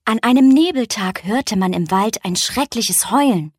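A woman reading a children's tale aloud, with a very lively, animated melody in her voice. The recording is dry and close, without any echo. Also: a little high, normal speed, slightly rough. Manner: expressive, animated storytelling. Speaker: storyteller. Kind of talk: children's story read aloud.

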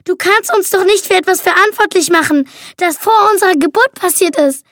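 A woman's voice: very high voice, fairly quick, fairly bright tone, no echo, clean studio sound, voice pushed up. A woman reader voicing a frightened teenage girl protesting in desperation in an audiobook. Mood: desperate.

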